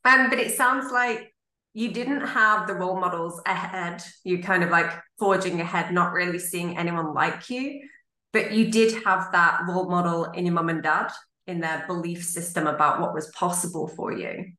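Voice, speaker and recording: Lady podcast host, bright and lowish voice, encouraging, echoey room. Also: moderate pace. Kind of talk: casual interview chat. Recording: roomy echo.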